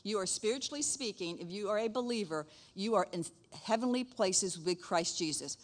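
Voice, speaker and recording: A middle-aged woman, a pastor's wife, preaching a sermon with animated storytelling and playful asides. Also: mid-range voice, normal speed. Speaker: pastor's wife and church leader.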